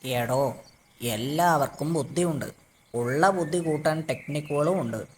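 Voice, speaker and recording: A man's voice: fairly high pitch, measured pace, slight background noise, close to an everyday voice. A man voicing a clever male cartoon animal trickster who talks in an instructive, self-assured manner. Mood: knowing, instructive. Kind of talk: cartoon voice acting.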